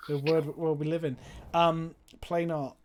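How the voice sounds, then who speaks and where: A man's voice: a little high, level tone, a little slow, a little hiss or hum. A man on a livestream headset mic, chatting casually and thinking aloud as he plays a card game. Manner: chatty, thinks aloud while playing cards. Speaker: streamer. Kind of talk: casual gameplay commentary.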